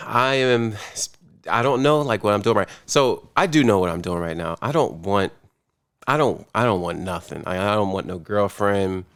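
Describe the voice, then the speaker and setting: Man in his late thirties, podcast co-host, low smooth voice, relaxed casual talk, supportive. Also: normal speed. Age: 30s. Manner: relaxed, supportive listener with slang. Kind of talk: casual chat.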